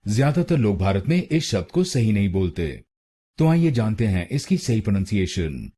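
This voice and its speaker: A man leads a scripted pronunciation lesson, drilling each syllable slowly and repeating it with care. His voice is low and a little husky, with a warm, mellow tone. The pitch moves a lot even though his pace stays very unhurried. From India. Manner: slow, deliberate syllable-by-syllable drilling. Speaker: pronunciation teacher.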